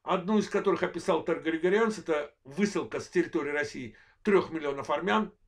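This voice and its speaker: Hosting his own channel, a man in his forties from Azerbaijan gives a political analysis monologue in measured, halting short phrases. His voice is slightly high, creaky and worn, and he apologizes for its condition.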